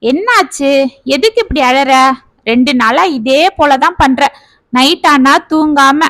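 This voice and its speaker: A woman's voice: high-pitched, unhurried, fairly bright tone, no room sound. A woman voicing a proud, stubborn young mother in a spoken family story, defiant and then anxious.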